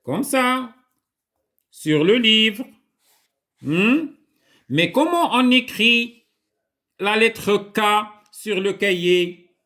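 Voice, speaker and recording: Male teacher, Moroccan accent, high voice, very slow, repeats words for kids. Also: sharp tone. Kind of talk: children's writing lesson.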